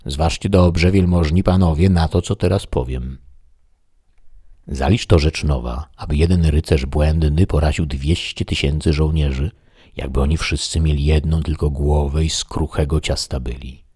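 A man's voice: a bass voice, fairly even intonation, normal speed, mellow, slightly rough, no echo, studio quality. A man reading the part of an elderly, deluded knight-errant who declaims solemnly and grandly in an audiobook.

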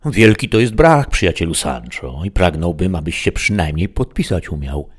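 A man's voice: low voice, lively intonation, normal speed, breathy edge. A man voicing an aging idealistic knight who gives solemn, archaic advice and lectures sternly. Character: aging idealistic knight, lofty and quick-tempered.

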